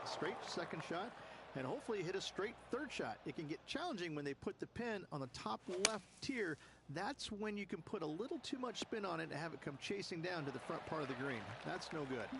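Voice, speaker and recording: A man with a fairly high voice gives explanatory golf commentary as a course analyst. It is video game broadcast narration with heavy ambient noise behind it. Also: animated, a little fast.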